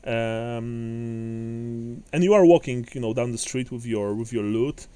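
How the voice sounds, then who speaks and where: A man's voice: mid-range voice, fairly even intonation, slow pace, dark tone, smooth, no echo. A man narrating as game master of a tabletop game, rambling with many fillers and restarts.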